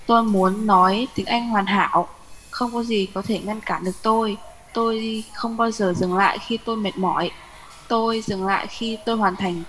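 Woman student, plain mid voice, steady classroom reading. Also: medium pitch, normal speed, slight background noise, poor audio. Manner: steady recitation. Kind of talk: reading a chant aloud. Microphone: Zoom call.

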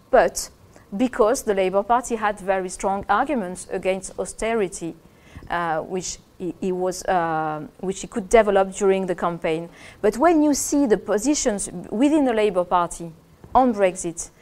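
A woman in her fifties, an economist giving a seminar talk, answers audience questions in a seminar room. Her medium-pitched voice is a little mellow, and she sounds thoughtful and hesitant, restarting her sentences many times.

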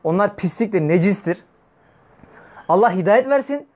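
Fiery, high-voiced preacher. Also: male voice, lively intonation, normal speed, darkish tone. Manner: fiery, scolding, rhetorical questions to listeners. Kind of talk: weekly religious talk.

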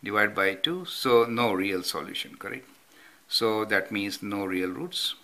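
In this whiteboard tutorial, a male math teacher works a problem in stages while writing, checking in with frequent "right?"s. The voice is lowish and expressive, a little slow, with a pushed, bright quality, heard off-camera over his handwritten notes.

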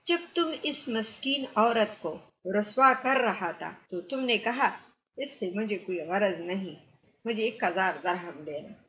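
A woman's voice: medium pitch, animated, a bit bright, lightly acted. A woman voicing a clever young man who firmly stands up for a poor woman. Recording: muffled lo-fi recording.

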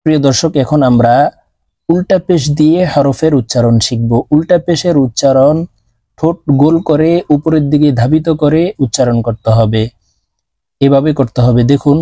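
A man teaching Quran reading step by step, drawing out each letter sound in slow drills. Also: fairly high pitch, dark tone, dry recording. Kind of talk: step-by-step recitation lesson.

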